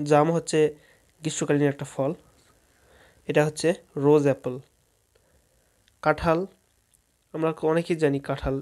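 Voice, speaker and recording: A man's voice: on the high side, a little mellow. A man whose first language is Bengali, teaching English fruit names in a casual spoken lesson and spelling words out letter by letter to his viewers.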